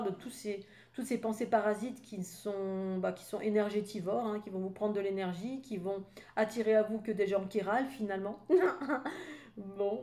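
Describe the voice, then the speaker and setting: Medium in pitch and warm in tone, the voice belongs to a French spiritual coach in her fifties. She delivers a casual monologue in a rambling, talkative way, sprinkled with fillers and asides.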